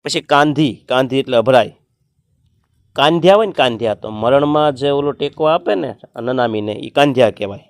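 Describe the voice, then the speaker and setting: Recorded at studio quality with no echo, a medium-pitched male teacher runs an exam-prep grammar class. He explains each word's meaning in turn and occasionally chants a verse at a slow pace.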